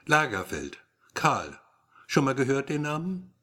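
Sex: man reading a woman. Figure: a man voicing a sharp-tongued woman journalist. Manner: curt, sarcastic, lively pitch. Style: audiobook. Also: unhurried. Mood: impatient.

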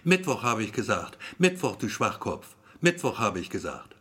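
A man's voice: on the low side, big pitch swings, normal speed, breathy edge, heavily acted. A man doing a drunk, furious vacationer. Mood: irritated. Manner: shouting, cursing. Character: boozy, short-tempered man on holiday.

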